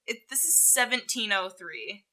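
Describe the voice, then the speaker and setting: Young woman podcast cohost, super bright voice, loud, laughs a lot, swears. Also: mid-range voice, expressive. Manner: loud, laughing, swearing, reads old text haltingly. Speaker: podcast co-host. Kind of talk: casual chat.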